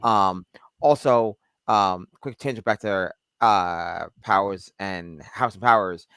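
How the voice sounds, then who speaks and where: A man's voice: fairly low pitch, slow, a bit bright, clear, resonant tone, dry recording. A man co-hosting a podcast in casual chat, rambling with lots of fillers and restarts. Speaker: podcast co-host.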